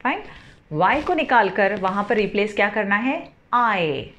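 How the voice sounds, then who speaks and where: A woman teaching English verb pronunciation, spelling words out slowly and often checking with a rising "theek hai?". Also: medium pitch, animated, a bit bright. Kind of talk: spoken lesson, spelling words letter by letter.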